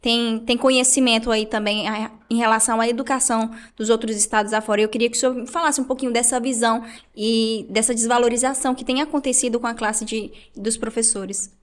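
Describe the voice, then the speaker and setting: Woman host with a high voice, chatty, asks long questions, finishes the guest's sentences. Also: fairly even intonation, brisk. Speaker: interview host. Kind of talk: casual interview.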